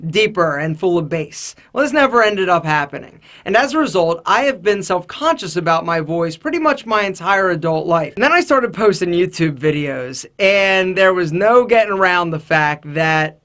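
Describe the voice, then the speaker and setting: A man presents casual advice straight to camera. His voice is light for a male speaker and lacks bass, with an animated, emphatic delivery. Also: moderate pace, hardly any pauses. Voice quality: light, not deep, rises high when excited. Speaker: YouTube host.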